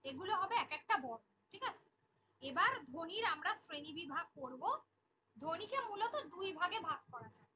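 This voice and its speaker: A woman's voice: very high-pitched, lively intonation, normal speed, noisy background. A woman teaching an online exam-prep class, repeating each key definition and asking the class questions. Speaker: Bengali teacher.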